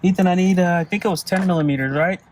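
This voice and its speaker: Working with his hands, a middle-aged man who hosts an off-road vehicle install channel talks in a crude, casual way. He speaks fast in a high-pitched voice, against a noisy background with music playing.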